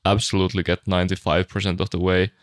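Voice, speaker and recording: Deep-ish dry man. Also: flat delivery, quick pace, dry recording. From Finland. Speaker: podcast guest.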